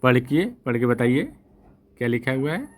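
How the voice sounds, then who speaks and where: A male teacher giving an exam-prep lesson, explaining slowly and repeating himself, often checking "right?" with the class and correcting his own slips with an apology. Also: medium pitch. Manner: slow, repetitive explaining with frequent "ठीक ना?" checks.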